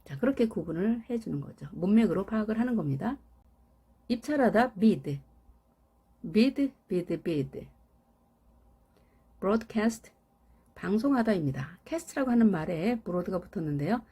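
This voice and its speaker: Woman teacher, mellow voice, slightly husky, repeats words in patient drills. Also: medium pitch, expressive, a little slow, pauses often. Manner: explains meanings patiently with everyday examples. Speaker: English teacher. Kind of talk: scripted lesson on verbs.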